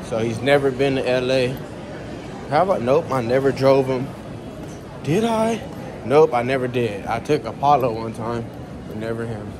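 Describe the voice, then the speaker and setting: A man's voice: medium pitch, expressive, normal speed. Laid-back young man vlogging on a phone. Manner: laid-back slangy talk to viewers. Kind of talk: casual travel vlog. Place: airport terminal, walkway and parked car. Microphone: phone held low at arm's length. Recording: noisy background.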